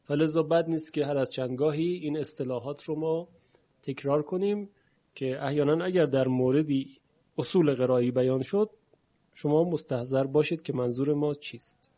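A man teaching the rules of Quran recitation, calmly explaining terms and slowly drawing out example words. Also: a little high, dull audio. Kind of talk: spoken lesson with recited examples.

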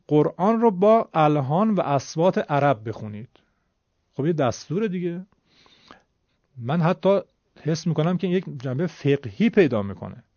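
Guy teaching quran recitation, mellow voice, explains slow and patient, kinda muffled dry recording. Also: mid-range voice, dry recording. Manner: explains patiently, breaks into short chanted demonstrations. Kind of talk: classroom lecture.

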